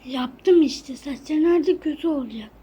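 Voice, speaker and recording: A woman's voice: high-pitched, unhurried, warm tone. A woman voicing a cruel, bossy stepmother who barks harsh, mocking orders in a game role-play.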